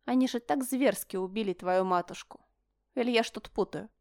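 A woman's voice: high voice, big pitch swings, normal speed, dry recording, studio quality, pitched above the performer's own voice. Sneering storybook nobleman, taunting and sing-song, voiced by a woman narrator. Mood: mocking. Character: sneering mocking male noble brother, smug.

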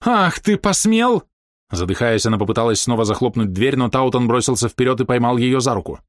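A man narrating a novel aloud with a steady, dramatic reading. His voice sits mid-range in pitch, and the recording is dry with no room echo. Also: fast talker. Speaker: audiobook narrator.

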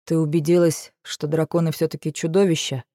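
A woman's voice: sits low, level tone, a little fast, warm tone, no echo, studio quality. A woman doing a stern, caring dragon man. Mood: worried. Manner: patient, then sharply scolding. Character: young male dragon, caring but stern. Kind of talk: audiobook narration.

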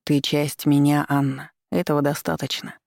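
A reader voicing a teasing, domineering male demon who speaks low and drawn-out. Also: flat delivery, gravelly, darkish tone, no room sound, studio quality, close to an everyday voice.

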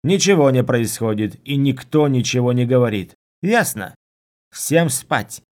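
A man's voice: on the low side, takes it slowly. A man voicing a harsh female commander who barks curt orders, in an audiobook. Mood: stern. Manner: barking, curt.

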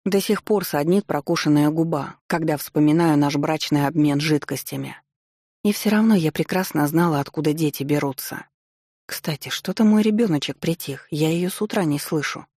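A woman narrating a first-person audiobook with wry, lively storytelling. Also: low-pitched, no room sound, clean studio sound.

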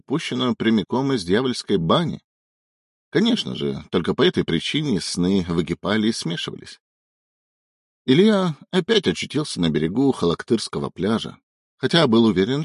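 A man narrating a novel in an expressive, measured audiobook reading. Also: lowish voice, breathy edge, dry recording, clean studio sound. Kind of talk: scripted narration.

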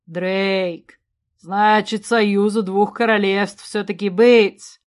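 Brief: aging king father, remorseful and stern, slow loud muttering, voiced by a woman narrator. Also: medium pitch, close to an everyday voice. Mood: remorseful, muddled.

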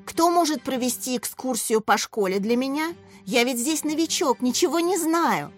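A woman's voice: high-pitched, lively intonation, normal speed, soft background music. A woman voicing a young teacher who speaks in an earnest, kind way. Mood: eager.

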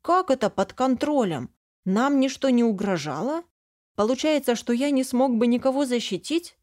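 Woman narrator giving a high, eager, headstrong boy dragon, dry close read. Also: expressive, moderate pace, darkish tone, no echo, lightly acted. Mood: indignant.

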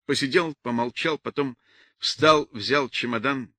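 A man narrating a novel aloud with lively, expressive storytelling. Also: medium pitch, a little slow, no echo. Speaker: audiobook narrator. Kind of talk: scripted narration.

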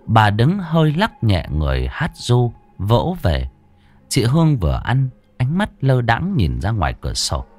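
A man narrating a ghost story in an expressive, animated storytelling manner. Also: a little slow, soft background music. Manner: lively, expressive storytelling with big pitch swings.

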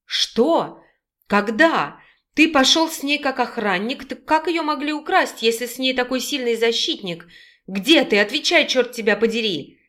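A woman voicing an anxious, hot-tempered young man who commands loudly, in an audiobook. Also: very high-pitched, expressive, unhurried, voice pushed up, heavily acted. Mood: alarmed. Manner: loud, commanding, hissing.

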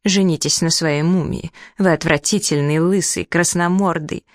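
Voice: steady tone, moderate pace, no echo, studio quality, close to an everyday voice. Reader as a furious hysterical widow. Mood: indignant. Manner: shrill outrage, theatrical complaints. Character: indignant plump middle-aged widow, hysterical.

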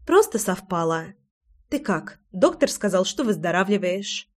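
A woman's voice: medium pitch, big pitch swings, unhurried. A woman reading a teasing, nosy young woman. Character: lively teasing young woman, curious meddler.

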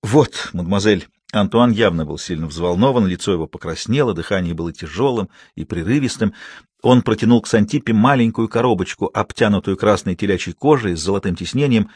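A male audiobook narrator reads in a measured, even storytelling manner. His voice has a husky grain, and the sound is close and dry with no room around it. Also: lowish voice, no room sound. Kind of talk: scripted narration.

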